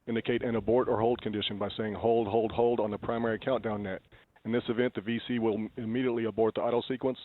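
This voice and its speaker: Guy calling a countdown over radio, quick and monotone, clipped formal procedure voice. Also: fairly low pitch. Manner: clipped, formal, scripted delivery. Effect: radio comms net. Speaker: launch countdown controller. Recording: tinny phone-like radio comms line.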